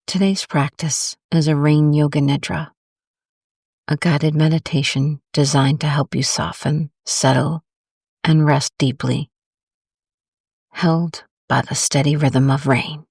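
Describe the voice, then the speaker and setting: In this guided meditation, a woman's voice sits low, creaky and with a breathy edge, moving slowly and restfully. She's gentle and calm, leaving pauses between phrases, and the intimate, dry recording has no room sound.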